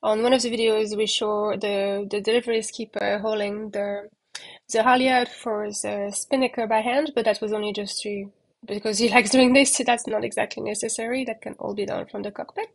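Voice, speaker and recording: A woman giving a relaxed, chatty walking tour of a catamaran, talking outdoors on deck into a handheld phone camera, with plenty of fillers. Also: medium pitch, normal speed, creaky. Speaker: yacht broker giving a boat tour.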